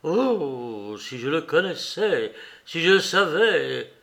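Man playing enraged old father, loud impassioned outbursts, raised pitch, deliberate pace. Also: gravelly, exaggerated voice. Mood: enraged grief. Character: older grieving father, a mayor, enraged and vengeful. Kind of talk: audiobook reading.

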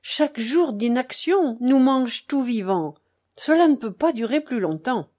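A woman's voice: a little high, expressive, measured pace, warm tone, voice pushed up. A woman reading the part of a worried married man pressing his wife for money, in an audiobook. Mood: worried pleading. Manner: urgent, pleading then cold.

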